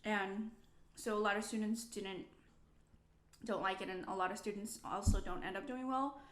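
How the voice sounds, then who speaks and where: A woman's voice: mid-range voice, fairly even intonation, normal speed. A woman in her twenties chatting informally to camera as a student vlogger, rambling and peppering her talk with "like". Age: 20s. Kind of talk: casual chatty vlog to camera. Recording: echoey room.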